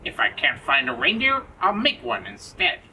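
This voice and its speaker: A woman's voice: medium pitch, sing-song, normal speed, bright, forceful tone, full character voice. A woman voicing the Grinch from a storybook, a sour, scheming old male creature who sneers and growls. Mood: gleefully scheming. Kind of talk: storybook read-aloud character voice. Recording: distant mic, noisy room sound.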